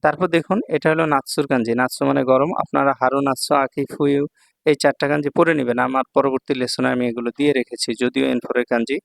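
Patient male kanji teacher, gravelly voice. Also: mid-range voice, steady tone, fast, no room sound. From Bangladesh. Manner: patient, repeats words and checks with "thik ache". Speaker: Japanese language teacher. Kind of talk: online kanji lesson.

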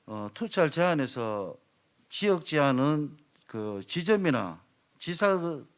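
A man's voice: a little high, sing-song, slow pace. A man, a consultant, giving an instructional presentation step by step, with frequent fillers and self-corrections. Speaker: consultant presenting a procurement manual.

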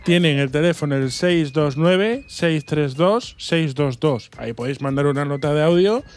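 Spanish guy, kinda high voice, rambly funny stories, cracks himself up, co-hosting a comedy show. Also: normal speed, darkish tone. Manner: rambling, laughs at his own stories. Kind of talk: comic storytelling to a studio audience. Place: studio with live audience.

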